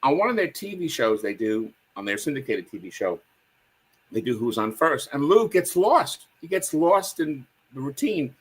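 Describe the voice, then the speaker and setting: A man's voice: medium pitch, moderate pace, slightly rough. A man, a guest on a chat show, telling comedy history stories and acting out lines. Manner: animated storyteller, acts out quotes. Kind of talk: casual chat.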